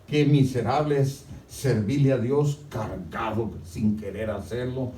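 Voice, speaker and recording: A man's voice: a little slow, slight background noise. Male pastor, sermon, echoey church room, voice from far off the mic. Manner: preaching with frequent "hermano", swings to loud high-pitched shouting.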